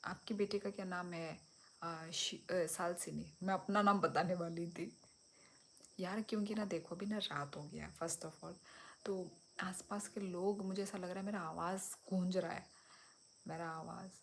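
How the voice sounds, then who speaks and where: A young woman hosting a casual livestream, speaking softly so as not to disturb neighbours at night while answering viewer comments. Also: fairly low pitch, steady tone, measured pace, a little hiss or hum. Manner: switches between Hindi and a local language, reads and answers viewer comments. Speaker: livestream host. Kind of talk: casual live chat.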